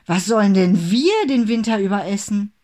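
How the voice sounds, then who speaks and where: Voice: mid-range voice, expressive, moderate pace, voice pushed up, natural voice. A narrator voicing a blunt, scolding big-brother rabbit in a storybook reading. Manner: loud, scolding.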